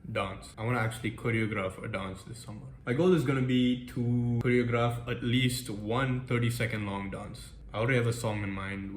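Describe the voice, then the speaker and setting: Young man vlogging in an echoey room. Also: on the low side. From United States. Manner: upbeat, self-deprecating, lists goals briskly. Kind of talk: casual goal-setting vlog. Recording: echoey room with faint background noise.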